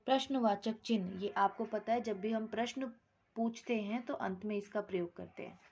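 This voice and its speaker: A woman's voice: mid-range voice, moderate pace, darkish tone, lo-fi sound. A woman teaching a Hindi grammar lesson, explaining step by step, mixing English words into her Hindi and checking with "ठीक".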